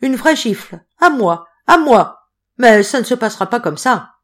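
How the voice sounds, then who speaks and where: Woman voicing a male court clerk, outraged, high-pitched, loud, emphatic, audiobook. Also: expressive, lightly acted. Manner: indignant, rapid and emphatic. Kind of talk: audiobook character voice.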